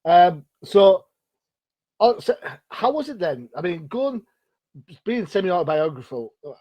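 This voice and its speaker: This middle-aged man from Britain hosts a podcast interview in a chatty, self-deprecating way, asking rambling questions. The recording is dry, and his high-sitting voice is very animated, unhurried and dark in tone.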